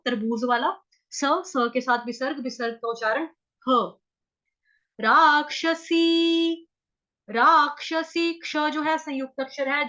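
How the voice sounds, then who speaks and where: High, bright-voiced woman teaching chanting. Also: muffled recording. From North India. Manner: explains pronunciation syllable by syllable, chants words slowly. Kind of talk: online scripture chanting lesson. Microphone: video call.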